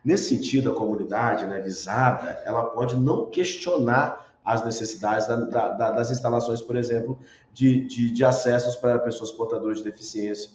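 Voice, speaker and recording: A Brazilian-accented man gives a recorded online lecture at university level, explaining step by step, asking rhetorical questions he then answers, and leaning on tag questions. He speaks in a mid-range, slightly mellow voice at normal speed with hardly any pauses. Audio is echoey, dull and lo-fi.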